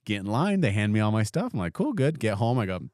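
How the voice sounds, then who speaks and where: A man co-hosting a casual chat, telling stories with wry, resigned deadpan humor. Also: lowish voice, quick pace, dry recording, clean studio sound. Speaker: podcast co-host.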